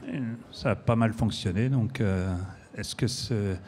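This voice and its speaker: A man from the audience asking a hesitant question, with frequent pauses and fillers. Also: on the low side, a little mellow, slight background noise.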